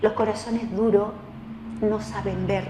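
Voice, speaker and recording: A woman's voice: a little slow, a little hiss or hum. A woman preaching at a spiritual seminar. She talks straight to the listener and acts out the people she quotes. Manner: expressive, acts out quoted voices with rising pitch; addresses listener directly as tú. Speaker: lay preacher teaching a seminar. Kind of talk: spoken sermon teaching. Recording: roomy hall with long reverb.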